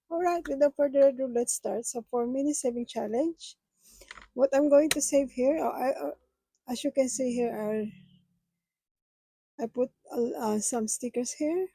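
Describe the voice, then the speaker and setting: A budgeting vlogger whose first language is Filipino chats casually with viewers, speaking slowly and unhurriedly, often halting and restarting her sentences. Her slightly high voice sounds mellow and breathy. The low-quality recording is close and dry, with no room sound.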